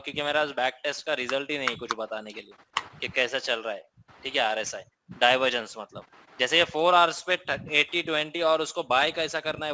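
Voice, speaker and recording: A man's voice: a little high, bright, forceful tone, slight background noise, rough recording. A man with an Indian accent teaching a live trading class, explaining casually and often checking in with listeners.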